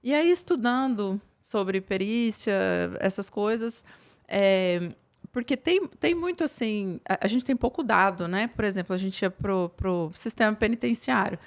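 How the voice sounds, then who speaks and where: A woman's voice: medium pitch, lively intonation, unhurried. Woman, thirties, psychiatrist, chatty, filler-heavy storytelling. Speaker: psychiatrist guest. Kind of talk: casual interview talk.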